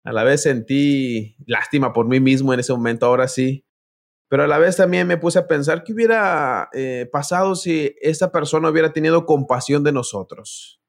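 Higher-voiced man preaching a sermon. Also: moderate pace. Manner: storytelling, addresses listeners directly; reads scripture aloud.

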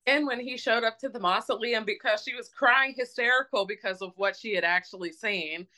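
Bright, animated woman podcast co-host. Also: fairly high pitch, a little fast. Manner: animated, acts out quoted reactions, swears freely. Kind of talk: casual chat reviewing movies.

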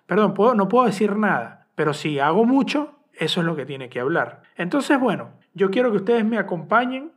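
A man in his thirties with a Venezuelan accent, hosting a podcast and talking candidly and earnestly straight to his listeners. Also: sits high. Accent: Venezuelan Spanish. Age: 30s. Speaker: podcast host. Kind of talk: personal podcast monologue.

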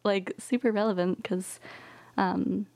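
A woman hosting a casual podcast in a small home studio, chatty, with frequent ums and quick laughs. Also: mid-range voice, flat delivery, creaky, a little mellow. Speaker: podcast host.

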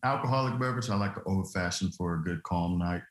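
A Louisiana man in his thirties, a former football player who now owns a trucking business, tells stories as a guest in a relaxed interview. His very low voice moves fast, and his telling is easygoing, loose and full of fillers, with frequent laughter. The room is echoey.

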